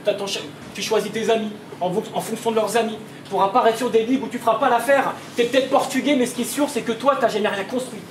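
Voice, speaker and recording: A male battle rapper fires insulting, punchline-driven bars at his opponent a cappella, his high voice fast and fairly even with hardly any pauses. It was recorded in an echoey event hall with background noise.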